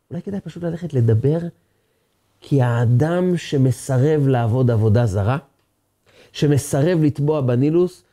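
A man's voice: on the high side, mellow. A man giving an earnest sermon as a rabbi, acting out quoted speech as he teaches.

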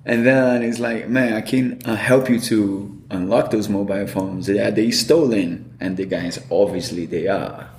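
Here a man with a fairly low pitch talks at normal speed, barely pausing, in an echoey room with a little background noise. His accent is Brazilian Portuguese, and as an interview guest he spins stories animatedly, voicing the dialogue he quotes.

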